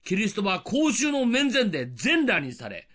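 An older man preaches on the radio in a high, strongly rising and falling voice. He explains patiently and keeps asking questions to the listener. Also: normal speed, slightly rough. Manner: lively, explanatory with rhetorical questions. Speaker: radio evangelist. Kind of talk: radio sermon.

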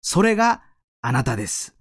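Man, pastor, sermon, earnest, direct address, very animated pitch. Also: normal speed, husky.

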